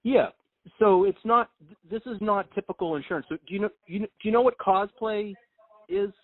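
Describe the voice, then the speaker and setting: A man in an earnest business phone conversation, halting and repeating phrases for emphasis, heard over a phone line. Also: high-pitched, no room sound. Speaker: prank caller posing as a company representative. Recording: tinny narrow-band phone line.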